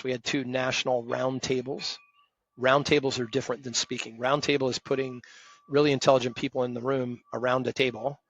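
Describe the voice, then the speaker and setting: In a conversational interview, a retired firm partner in his fifties speaks as a guest, direct and emphatic, and calls his own voice loud. His mid-range voice is husky with vocal fry, and the sound quality is lo-fi.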